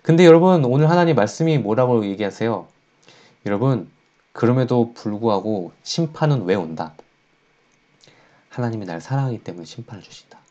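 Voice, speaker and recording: A man in the role of a pastor, giving a sermon to children. His voice sits at a middle pitch, and he talks in an animated way, acting out the people in his stories. The recording is dull and lo-fi. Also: brisk. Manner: animated, acts out voices of sinners and God in quotes.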